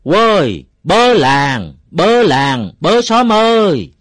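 A man voicing a cheerful, crafty middle-aged village farmer who talks loudly and playfully in a dry, close recording. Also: fairly low pitch, lively intonation, measured pace, no room sound. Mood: bellowing alarm. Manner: loud, playful, shouting to the village.

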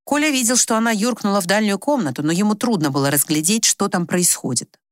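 A woman reading a village story aloud in an even storytelling manner. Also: medium pitch, quick pace, no room sound, studio quality. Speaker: audiobook narrator. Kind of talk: scripted story narration.

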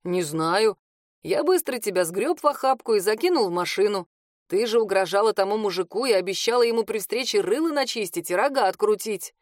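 Woman reading a calm young policeman. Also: mid-range voice, brisk, dry recording, clean studio sound, lightly acted. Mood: matter-of-fact. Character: steady young man, a caring policeman.

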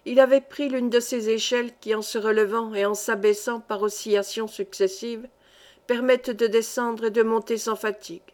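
A woman's voice: fairly high pitch, steady tone, normal speed, a little mellow. Woman narrating a classic novel. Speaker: audiobook reader.

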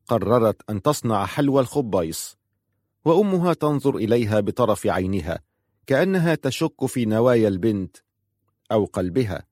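A man narrating a historical novel in measured scripted storytelling. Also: lowish voice, darkish tone, no room sound, clean studio sound.

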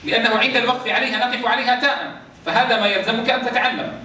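A man's voice: very high-pitched, fairly even intonation, very fast, sharp tone. Male Quran teacher, quizzes a live class, recorded from a distance in a room with strong echo. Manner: quizzes students, chants verse examples. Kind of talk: recitation rules lesson to a class. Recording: roomy echo, distant mic.

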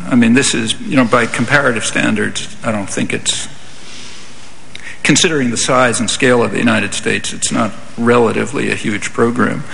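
A man answering audience questions at a lecture in a measured, conversational way. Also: mid-range voice, fairly even intonation, creaky, sharp tone, a little hiss or hum, rough recording. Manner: measured, conversational, frequent "I mean" and "you know". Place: university lecture hall.

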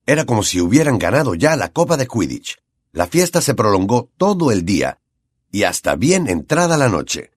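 A man with a Latin American Spanish accent narrating an audiobook in an expressive, animated way. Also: mid-range voice, normal speed, husky, dry recording, clean studio sound.

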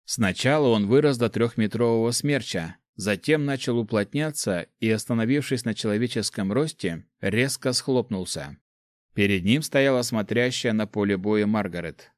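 Low voiced guy reading a fantasy audiobook, steady, really dry close sound. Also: normal speed, dry recording. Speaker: audiobook narrator. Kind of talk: scripted fantasy narration.

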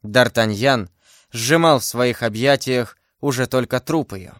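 A man narrating a classic novel aloud as an audiobook, in a steady, measured voice. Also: medium pitch, no echo, clean studio sound. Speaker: reader.

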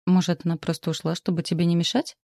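A woman's voice: fairly low pitch, little pitch movement, fast, vocal fry, warm tone, no echo, clean studio sound. Woman doing a tired grown daughter, sighing and fed up, darkish voice. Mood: exasperated. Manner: tired, exasperated. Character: weary, patient adult daughter caring for her mother.

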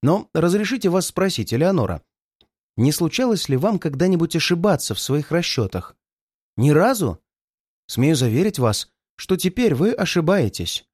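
A cocky young detective who jokes and needles the villain even while tied up, as a male reader plays him. His voice rides a little high and lively in a dry, close recording. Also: normal speed, slightly rough, no room sound. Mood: accusing. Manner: sarcastic, laughing.

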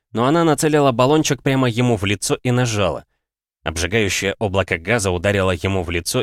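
A man narrating an audiobook in a steady, even storytelling manner. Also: on the low side, dry recording, clean studio sound.

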